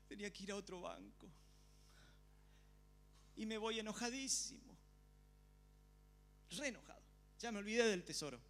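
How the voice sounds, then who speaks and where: A man with an Argentine accent preaching a church sermon, telling a personal story with lively, acted-out reactions. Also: high voice. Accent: Argentine Spanish. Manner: animated storytelling, acting out his own past reactions.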